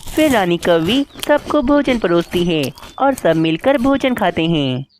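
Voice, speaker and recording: Lively woman narrating a cartoon story. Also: lowish voice, a little slow, a little hiss or hum. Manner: lively storytelling, addresses viewers.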